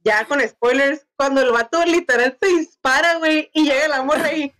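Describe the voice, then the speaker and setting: High-voiced Mexican woman, slangy chat. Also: moderate pace, a bit bright. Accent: Mexican Spanish. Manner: slangy, exclamatory. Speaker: podcast panelist. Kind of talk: casual movie chat.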